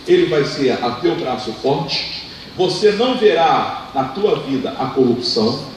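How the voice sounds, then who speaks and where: A Brazilian man preaching a sermon as pastor, with impassioned delivery that swings between loud appeals and hushed asides. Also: a little high, slight background noise. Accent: Brazilian Portuguese. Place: church hall. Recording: echoey church from a distance.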